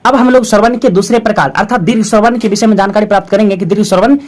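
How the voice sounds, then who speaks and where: Steady teacher restating every definition. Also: medium pitch. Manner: repeats each definition twice, slow and steady; calls students 'children' and 'friends' often. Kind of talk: grammar lesson for schoolchildren.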